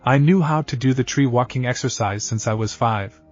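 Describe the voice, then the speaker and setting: Calm, self-assured young ninja in a fan story, voiced plainly by a male narrator, muffled audio, faint music. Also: medium pitch, moderate pace, lightly acted.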